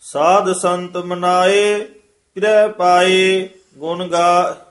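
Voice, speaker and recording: Slow high-pitched man chanting verses. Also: flat delivery. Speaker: student reciter. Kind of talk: chanted scripture recitation.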